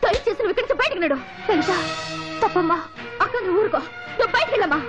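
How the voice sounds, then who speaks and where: A woman's voice: very high voice, lively intonation, rapid-fire. An actress playing a devoted young wife and mother who coaxes and defies in a melodramatic film. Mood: defiant. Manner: coaxing, then defiant. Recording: dull lo-fi film soundtrack with music.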